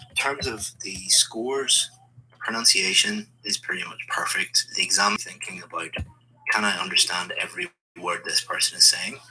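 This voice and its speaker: A man with a very low voice, giving patient feedback as a speaking examiner. He sounds encouraging and explains each point. Steady background noise sits behind him. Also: low-quality recording. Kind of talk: giving spoken exam feedback.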